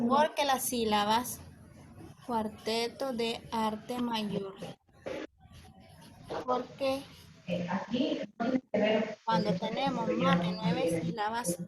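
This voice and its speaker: Slow, careful woman teaching poetry meter. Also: on the high side. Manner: slow, careful counting and explaining. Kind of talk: recorded lesson explanation. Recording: loud background noise.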